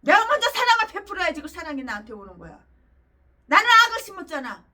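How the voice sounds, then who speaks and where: A woman's voice: very high-pitched, sing-song, fast, bright, forceful tone, far from the mic. A woman pastor preaching a fiery sermon, ranting angrily with scornful, profane insults.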